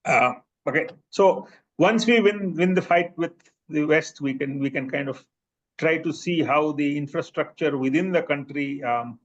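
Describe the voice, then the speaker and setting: A man with an Indian English accent whose first language is Bhojpuri answers audience questions as a presenting professor in a seminar room. His voice sits fairly high, and he responds thoughtfully, pausing with fillers and restarting sentences. The recording of this academic Q&A is slightly muffled.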